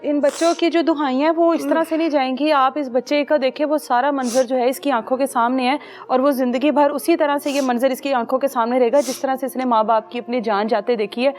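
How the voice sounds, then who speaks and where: High-pitched woman news reporter, gentle, coaxing field-interview delivery. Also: fairly even intonation, a little fast, hardly any pauses. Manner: gentle, consoling, coaxing with tag questions. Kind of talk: field interview with a grieving child.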